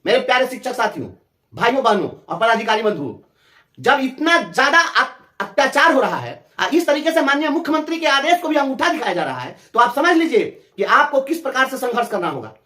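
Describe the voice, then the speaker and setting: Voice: high voice, sing-song, a little fast, sharp tone, echoey room. Fiery sarcastic speaker with a Bihari accent. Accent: Bihari Hindi. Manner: fiery, sarcastic, repeats phrases for emphasis. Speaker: teachers' representative. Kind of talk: impassioned interview answer.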